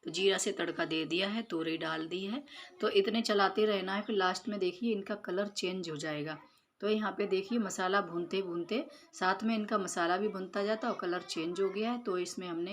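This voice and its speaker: With slight background noise, a woman in her thirties talks through her home kitchen vlog of cooking and chores, a casual voice-over full of fillers as she explains every step. She's a mother, and her mid-range voice has a fairly bright tone.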